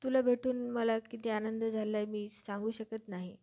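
A woman reading as a jittery young professor who trips over his first syllables and sounds afraid of everyone. The voice sits fairly high and stays timid and hesitant. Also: flat delivery, normal speed, mellow, natural voice. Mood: nervous. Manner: stammering, timid. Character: stuttering nervous young male professor.

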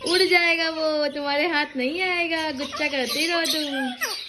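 Woman baby-talking her parrots, slow and squeaky high, loud noise and bird chirps behind. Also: fairly even intonation. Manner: coaxing, scolding baby talk to pets. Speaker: pet parrot owner. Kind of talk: casual talk to pet birds. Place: home with pet parrots.

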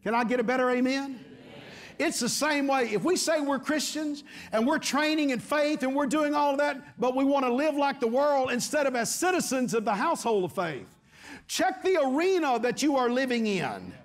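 A middle-aged Texas pastor with a strikingly high voice preaches a sermon from a church stage, with lively intonation at a moderate pace. He hammers his points home by repeating phrases and calling out to the congregation for amens and hallelujahs.

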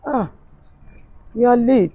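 A woman's voice: a little high, takes it slowly, breathy edge, no room sound, narrow, tinny audio. A young woman with a Nigerian, West African accent playing an exasperated, pleading wife in a comedy skit. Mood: impatient, coaxing. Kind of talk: naturalistic comedy skit acting. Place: outdoors on a street.

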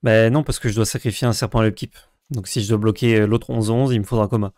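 A man co-hosting a card-game stream in casual chat, animated and self-mocking as he plays. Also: on the low side, fast talker, dry recording, clean studio sound. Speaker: co-host, player.

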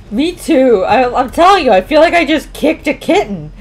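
Expressive woman playing a horror game. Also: high voice, moderate pace, slightly rough. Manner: expressive, emotional, laughs often. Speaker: gaming channel host. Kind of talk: casual gameplay commentary.

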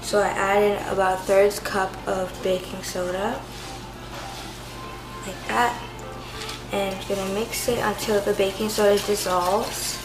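A woman's voice: medium pitch, level tone, measured pace, long pauses, reverberant, over music, poor audio. A woman demonstrating a recipe at her kitchen counter in a casual, chatty way, filling her steps with "like" and "so". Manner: chatty, loose, full of "like" and "so". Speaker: home cooking vlogger. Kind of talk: casual step-by-step cooking demonstration. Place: home kitchen countertop, indoors.

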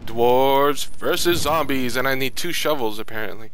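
A man's voice: medium pitch, moderate pace, fairly bright tone, clean tone. A man chatting casually as he plays a video game with a friend over voice chat. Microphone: voice chat call while gaming. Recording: background noise, clicking sounds.

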